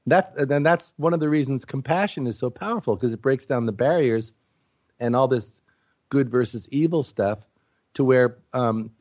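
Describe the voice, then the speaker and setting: A man speaking in casual, reflective conversation, earnest and rambling, often halting as he searches for words. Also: mid-range voice, a little mellow, no echo.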